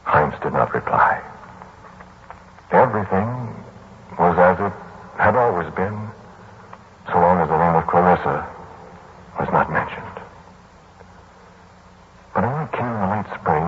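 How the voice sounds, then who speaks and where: A low-pitched actor portrays a troubled, gentle male lodger in 1940s radio drama, narrating his haunted memories himself. His storytelling is brooding and deliberate, becoming pleading when he speaks lines of dialogue. The recording has the muffled noise of a 1940s broadcast.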